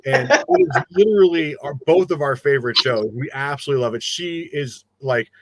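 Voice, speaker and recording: A middle-aged man with a New Jersey accent chats casually as a guest, rambling along with lots of fillers and restarts. His voice sits a little high, with lively intonation and a slightly quick pace.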